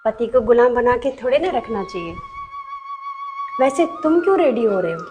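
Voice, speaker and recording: A woman chats in an opinionated way in a comedy skit. Her voice sits fairly high. Clear music plays underneath. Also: sing-song, moderate pace, highs cut off. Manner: chatty, opinionated.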